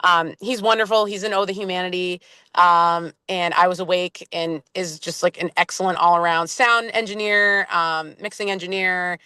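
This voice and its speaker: Woman in a band chatting loose, lots of likes and ums, kinda low smooth voice. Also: steady tone, normal speed, pushed and bright, no echo. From Boston area, US. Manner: rambling, many fillers and restarts, laughs easily. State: just woke up from a nap. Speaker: band member, interview guest. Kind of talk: casual interview chat.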